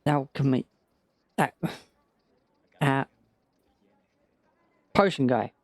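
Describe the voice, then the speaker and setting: A man's voice: mid-range voice, expressive, extremely slow, no room sound. Rambling male game master, close dry sound. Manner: rambling, jokey. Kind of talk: casual tabletop game narration.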